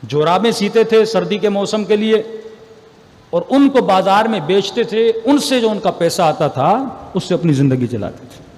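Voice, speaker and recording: A man's voice: high-pitched, animated, a little mellow. A male preacher giving a sermon, telling stories and driving points home with emphatic, rhetorical questions. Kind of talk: religious sermon with storytelling. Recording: reverberant hall.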